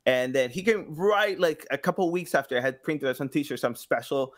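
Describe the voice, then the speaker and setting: Speaking at a moderate pace in a mid-range voice, this podcast guest, a sound designer and engagement director in his thirties, talks casually from indoors at home. He's animated, frequently voicing imagined quotes as mini conversations.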